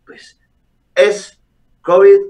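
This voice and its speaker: Middle-aged doctor on a distant video call. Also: male voice, drawn-out words. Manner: calm explaining with hesitations. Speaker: doctor guest. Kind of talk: explanatory interview answers. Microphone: webcam on a video call.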